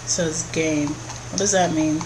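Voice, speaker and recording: A woman's voice: low voice, fairly even intonation, measured pace, background noise. A young woman giving casual let's-play commentary as she plays a video game. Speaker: gaming video host. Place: small indoor room at home.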